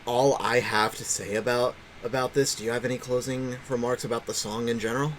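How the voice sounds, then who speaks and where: A man hosting a reaction video, talking in an easygoing, agreeable way and running through quick plugs at the close. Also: mid-range voice, steady tone, slight background noise. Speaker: host of a reaction channel. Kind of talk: casual chat and channel sign-off.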